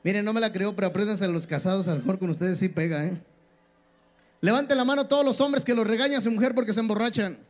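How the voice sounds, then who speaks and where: A man's voice: high-pitched, fast talker. A middle-aged man with a Mexican accent telling crude, rambling jokes on stage at a local pageant. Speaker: comedian. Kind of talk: stand-up joke telling.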